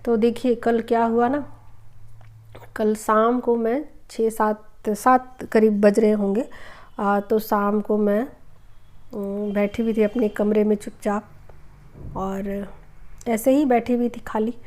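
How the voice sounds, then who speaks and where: A middle-aged woman hosting a spiritual healing channel, telling viewers a personal story in a chatty way, repeating herself and filling pauses with hesitations. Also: on the high side, level tone, darkish tone. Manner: chatty, repeats phrases, many hesitation fillers.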